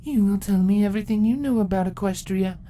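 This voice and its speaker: A woman voicing an ancient changeling empress in a fantasy story, a calm, condescending and menacing villain who speaks deliberately. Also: mid-range voice, voice pushed up, close to an everyday voice. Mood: commanding, menacing.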